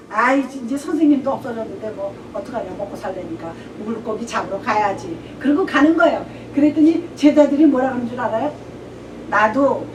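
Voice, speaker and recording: A woman pastor preaches in a lively storytelling way, acting out the dialogue of the figures she describes. Her voice sits a little high. It comes from a distant mic in an echoey church, with clear background noise. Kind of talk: sermon. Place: church sanctuary.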